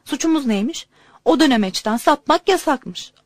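A woman's voice: sits high, lively intonation, moderate pace, no room sound, studio quality. A woman voicing an indignant man who rants in outrage about his country, telling a story aloud. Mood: outraged. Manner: outraged, exclaiming.

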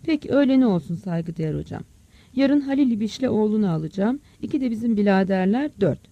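A narrator voicing a pushy village builder who flatters and pleads in an audiobook story. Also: medium pitch, a little fast, dry recording. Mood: pleading. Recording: dull, dry close recording.

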